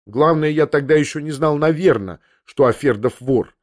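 A man's voice: fairly high pitch, normal speed, no room sound, studio quality. Man reading an audiobook expressively. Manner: expressive, acting out the dialogue. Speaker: audiobook narrator. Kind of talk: scripted narration of a classic novel.

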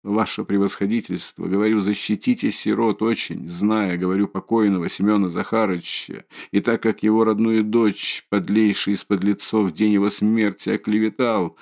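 A man voicing a proud, impoverished widow of noble birth who is frantic and shrill. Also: fairly even intonation, normal speed, vocal fry, hardly any pauses. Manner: shrill, desperate, haughty.

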